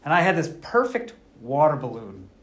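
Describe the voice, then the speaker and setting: A priest reads the Gospel at Mass and then preaches a homily, his delivery measured and storytelling. His voice is a little high and a bit bright, with big pitch swings, and a roomy church echo surrounds it.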